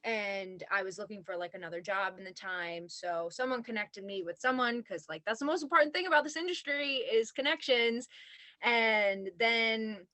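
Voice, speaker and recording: A woman's voice: medium pitch, moderate pace, bright, forceful tone, poor audio. A young woman guest on a podcast, a live events producer, chatting casually and laughing often as she tells stories.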